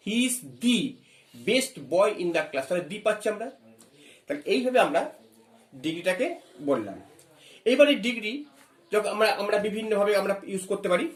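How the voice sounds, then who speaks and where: A man's voice: sits high, roomy sound. A man teaching an English grammar lesson, explaining step by step, asking questions and spelling words letter by letter. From West Bengal. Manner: reads English phrases slowly.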